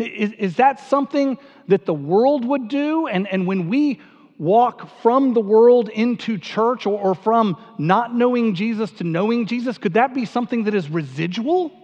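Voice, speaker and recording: A man's voice: extremely high pitch, darkish tone. A man preaching a sermon to a congregation, earnest and questioning, often repeating his words as he goes. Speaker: pastor. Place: church sanctuary. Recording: dull sound with a long hall reverb.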